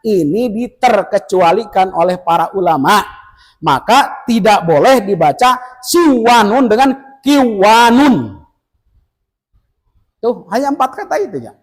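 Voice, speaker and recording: A man teaching tajwid to a group of village men, explaining rules patiently and chanting examples slowly. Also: high voice, animated, poor audio. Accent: Indonesian. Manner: patient and instructive, chants verses slowly to demonstrate. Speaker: Quran recitation teacher. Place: village study gathering indoors.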